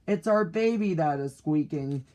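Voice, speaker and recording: A man reading the lines of a steady, dutiful father bird in a storybook, in a reassuring, matter-of-fact way. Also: a little high, measured pace.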